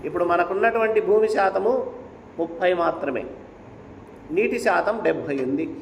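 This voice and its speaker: A man's voice: sits high, moderate pace, creaky, a little hiss or hum. A man giving a devotional discourse and telling a sacred story, urging listeners with rhetorical questions. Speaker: spiritual speaker. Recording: echoey hall with faint ambience.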